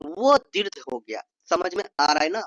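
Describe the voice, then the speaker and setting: A man's voice: high-pitched, lively intonation, moderate pace, bright, forceful tone, highs cut off. A man from Bihar with a Bihari accent, teaching an informal revision lesson as an exam tutor, playfully stretching out vowels to demonstrate them and calling his viewers brother. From Bihar, India.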